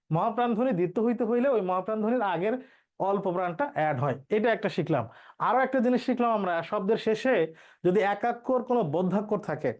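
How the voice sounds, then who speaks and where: A man's voice: high voice, a little mellow. A male teacher, explaining pronunciation rules step by step and repeating each key point for his students. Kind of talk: online exam-prep lesson.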